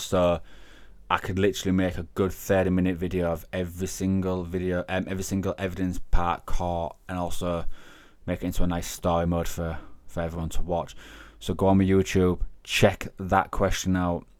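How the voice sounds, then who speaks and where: A man's voice: sits low, darkish tone, dry recording. A man hosting a casual paranormal podcast, chatty and rambling, often correcting himself mid-sentence. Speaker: podcast host, paranormal investigator.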